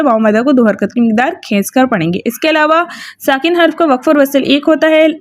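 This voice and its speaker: High-voiced woman teaching tajweed. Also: no room sound, clean studio sound. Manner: explains rules step by step, often asks "ठीक है?". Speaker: Quran recitation teacher. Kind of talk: tajweed lesson with recited examples.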